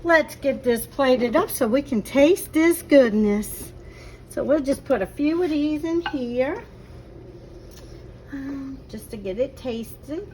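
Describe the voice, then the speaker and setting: A woman's voice: high-pitched, lively intonation, slow, warm tone. A woman hosting a home cooking show, chatting in a folksy way through each step in a kitchen. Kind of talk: cooking show host presenting a demonstration. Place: indoor kitchen. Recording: echoey room with faint background noise.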